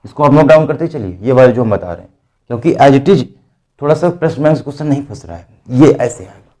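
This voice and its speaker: Mellow-voiced male tutor quizzing students. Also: mid-range voice, animated, fast. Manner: quizzes students with rhetorical questions, spells words letter by letter. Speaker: teacher. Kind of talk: exam-prep grammar lesson.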